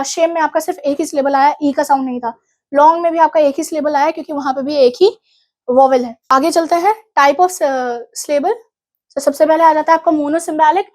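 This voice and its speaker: Young Indian woman tutor with a high voice and Indian English accent, explaining exam topics step by step for revision. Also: darkish tone. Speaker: teacher.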